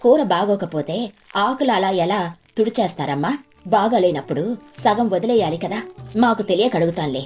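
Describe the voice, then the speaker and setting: A woman's voice: medium pitch, animated, normal speed, darkish tone, faint music behind, voice pushed down, natural voice. A woman voicing a sarcastic village elder's wife in a storybook tale.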